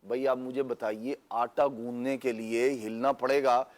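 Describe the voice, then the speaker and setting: A man's voice: mid-range voice, fairly even intonation. A man joins a talk show discussion. He pushes back playfully and leans on folk proverbs. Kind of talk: conversational discussion.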